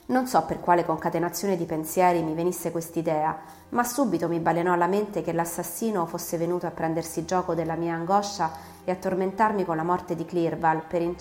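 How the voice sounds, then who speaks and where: A woman narrating a classic novel in the first person, measured and literary. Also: fairly low pitch, fairly even intonation, a little mellow. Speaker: audiobook reader. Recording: roomy recording, faint music.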